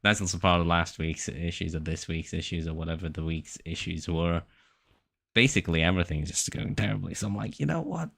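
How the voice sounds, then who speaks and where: A man's voice: low voice, flat delivery, fairly quick, creaky, a bit bright. A man in his early twenties chatting casually to his live-stream viewers while playing, rambling and poking fun at himself. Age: about 21. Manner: rambling, self-mocking, joking chatter.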